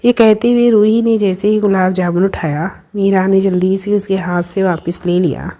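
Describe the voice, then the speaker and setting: A woman's voice: mid-range voice, steady tone, normal speed, warm tone. Woman narrating a storybook.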